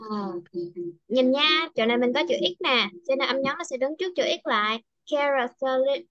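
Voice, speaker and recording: A woman teaching English pronunciation in an online class over a video call. She patiently models each word slowly and clearly. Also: sits high, highs cut off, crowd noise.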